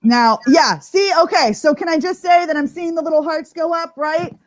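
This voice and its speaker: Upbeat lady host on a live stream, kinda high voice, lots of slang and laughing. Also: moderate pace. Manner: energetic, hype-building, laughs often; slang-heavy, says "like" a lot.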